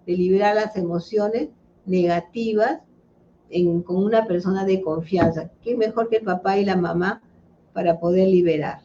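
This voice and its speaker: A woman's voice: medium pitch, fairly even intonation, moderate pace, dark tone, a little hiss or hum. A middle-aged woman psychologist answering interview questions, telling a case story with many fillers and restarts. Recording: dull lo-fi livestream sound.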